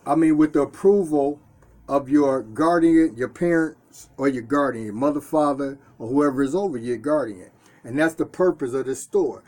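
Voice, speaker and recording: The fairly high, warm voice here is a Detroit store owner's, talking earnestly and casually into a camera he's filming himself with inside the shop. He regularly repeats himself and restarts phrases.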